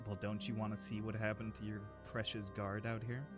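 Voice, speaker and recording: Low-voiced male player under loud music. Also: little pitch movement, a little fast. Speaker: tabletop game player. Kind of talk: casual in-character game chat.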